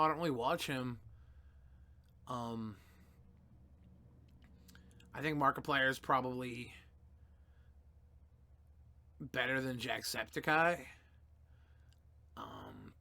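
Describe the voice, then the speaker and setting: On a relaxed livestream, a young man takes questions from chat, cursing loosely and shifting from low mumbles to loud eruptions, all in a medium-pitched voice.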